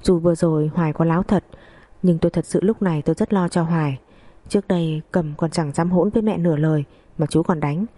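A woman narrating a family drama in the first person, in a steady, gossipy storytelling manner. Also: low voice, brisk.

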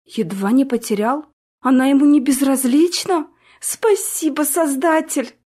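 A tender, bashful young noblewoman from a storybook, speaking softly with a hesitant catch, put on by a woman narrator. Her voice sits a little above the reader's usual pitch. The delivery stays quiet and emotional. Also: measured pace. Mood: joyful.

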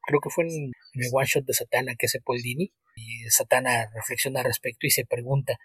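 A man co-hosting a podcast, his voice a little husky and mid-pitched. He chats quickly, with small stumbles and restarts. The recording is dry and close. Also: steady tone, fairly bright tone, no room sound. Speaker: podcast co-host. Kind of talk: casual chat.

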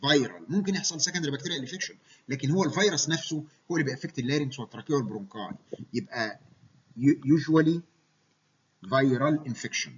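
A man's voice: mid-range voice, racing, breathy edge, dull audio. A man with an Egyptian Arabic accent giving a medical lecture, mixing English medical terms into his Arabic and often checking that students follow.

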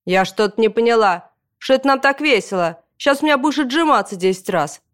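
Storybook: shrill, strict old PE teacher, voiced by a woman reader, barks commands. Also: expressive, fairly quick, dry recording, clean studio sound, lightly acted. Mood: scolding. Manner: barking drill commands. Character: strict old female gym teacher, bossy and shouting.

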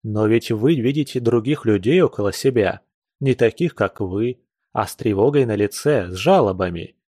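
A man's voice: lowish voice, moderate pace, mellow, husky, no echo, clean studio sound. A man reading a classic novel aloud, voicing a passionate, earnest young nobleman with urgent, lecturing speech.

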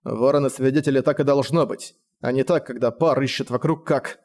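A man doing a sullen, flat-voiced young man. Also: mid-range voice, a little fast, close to an everyday voice. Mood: bitter. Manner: flat, expressionless, curt.

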